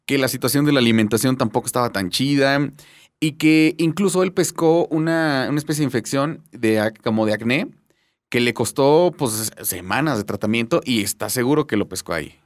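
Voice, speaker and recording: A man's voice: medium pitch, expressive, fairly quick, no echo, clean studio sound. A man with a Mexican accent, chatting casually and joking, with a lot of fillers. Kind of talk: casual chat.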